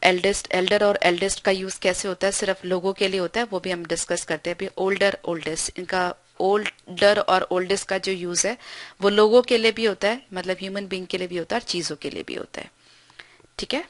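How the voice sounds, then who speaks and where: A woman teaching English grammar in a recorded lesson, explaining patiently and reading example sentences slowly with frequent check-ins. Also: mid-range voice, fairly even intonation, no echo.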